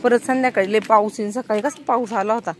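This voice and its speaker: A woman's voice: a little high, steady tone, quick pace, slight background noise. A woman vlogging about her family day, coaxing and scolding her small children. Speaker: vlogger and mother. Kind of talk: casual family vlog.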